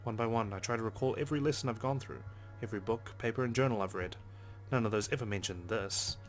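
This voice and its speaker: Speaking fast in a lowish voice, a man reads visual novel narration with dramatic flair for a let's play. He adds short casual asides over the game's background music.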